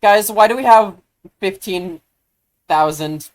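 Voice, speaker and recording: Casual live streamer, mid-range voice, chatty and self-deprecating, lots of "like" and "um", spikes into loud excitement. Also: mid-range voice, takes it slowly. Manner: rambling, filler-heavy, self-deprecating; easily excited, bursts into loud exclamations.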